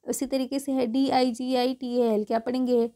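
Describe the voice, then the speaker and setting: A woman teaching English pronunciation rules, spelling words out slowly and checking in with questions and "okay". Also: high-pitched, little pitch movement, mellow. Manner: slow, drawn-out spelling of letters.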